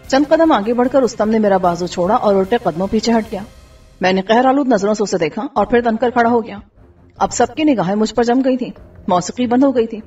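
A woman reading a first-person adventure story aloud in steady scripted narration. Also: fairly high pitch, husky. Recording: dull distant recording with faint music.

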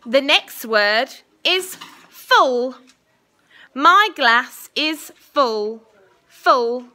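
A young woman, a primary school teacher, giving a school dictation for a spelling test with deliberate enunciation, repeating each word. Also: high-pitched, lively intonation, sharp tone. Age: young adult. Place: small indoor classroom. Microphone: phone at arm's length.

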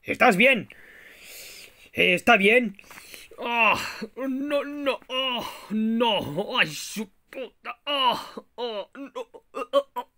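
A shot pirate howls in high, cracking yelps and sobbing cries, his voice sharp and bright with a gravelly edge, as a man puts him on. It is a rough amateur parody dub, loose and over the top. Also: very slow, pauses often, exaggerated voice. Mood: panicked, in pain. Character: wounded male pirate shrieking in pain.

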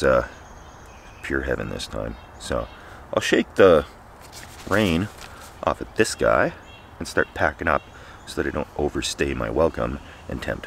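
A man's voice: rumbling low, very animated, unhurried, gravelly, pauses often, fairly bright tone, slight background noise. A man in his forties filming a casual camping vlog outdoors in the woods, talking to a nearby camera with dry, wry asides. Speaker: camping vlogger. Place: woods at night and morning, outdoors.

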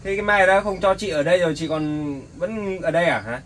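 A man's voice: high voice, brisk, distant mic, slight background noise, close to an everyday voice, poor audio. A man playing a stern police officer who warns a woman to behave. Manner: stern, warning. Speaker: actor in a family skit.

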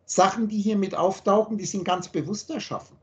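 A man with a German accent holds forth over a video call, and his voice sits fairly high. He talks bluntly and insistently, hammering each point home with homely examples. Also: fairly even intonation, fairly quick, dull audio. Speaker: spiritual teacher.

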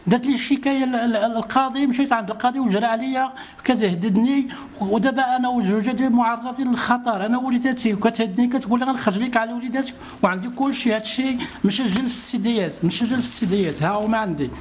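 Moroccan guy pleading into a reporter's mic, talks super fast, keeps repeating himself. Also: very high-pitched. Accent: Moroccan Arabic. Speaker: citizen appealing for help. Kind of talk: street interview complaint.

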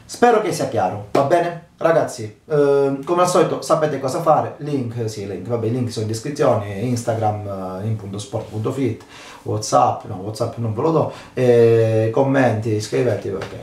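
A man hosts a fitness channel and talks to camera in a relaxed, unscripted way. He speaks emphatically and keeps asking whether his listeners follow him. His voice sits at an ordinary pitch and sounds roomy and slightly distant from the mic. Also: moderate pace. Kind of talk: casual talk to camera. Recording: echoey room, voice away from mic.

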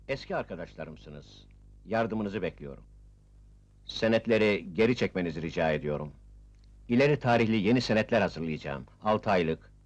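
An actor playing a businessman in a 1980s film drama, pleading with his creditors in a measured, deliberate way. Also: low-pitched, highs cut off.

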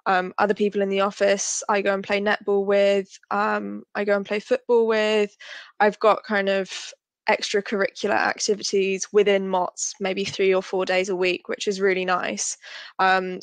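Chatty young woman with flat pitch. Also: no echo. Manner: chatty, with many ums and likes. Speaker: graduate engineer. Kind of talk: casual advice to students.

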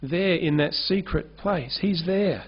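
A male pastor with a high, slow voice and a breathy edge preaches an earnest sermon at a lectern microphone, gesturing freely on a church stage framed by a curtain. The sermon recording is dull and lo-fi.

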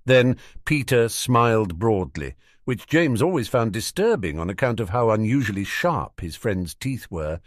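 A man narrating a fan-fiction audiobook with expressive storytelling. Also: lowish voice, measured pace, hardly any pauses, no echo.

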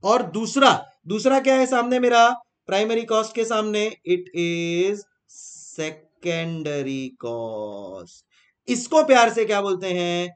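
A high-pitched young Indian man teaching a live online class in a bright, lifted voice. He poses questions to his students and answers them himself, repeating key terms slowly so they can write them down. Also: animated.

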